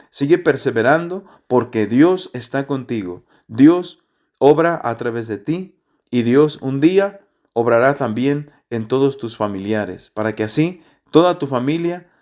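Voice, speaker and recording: A man's voice: medium pitch, a little mellow. A man giving an earnest, repetitive gospel reflection to listeners as a preacher.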